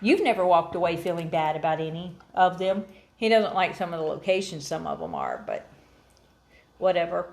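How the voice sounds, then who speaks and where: A woman talks in a bright, exclamatory way, her pitch swinging up and down as she chats with her partner. She sounds lively and openly excited, breaking into laughter. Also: normal speed. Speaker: co-host, pageant contestant. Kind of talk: casual couple's chat.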